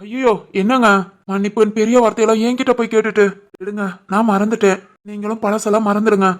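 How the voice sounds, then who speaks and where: A woman voicing a gentle, dutiful grown son who speaks softly and reassuringly, with a Kanyakumari Tamil accent, in a cartoon family drama. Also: medium pitch, little pitch movement, quick pace, natural voice. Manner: soft, reassuring.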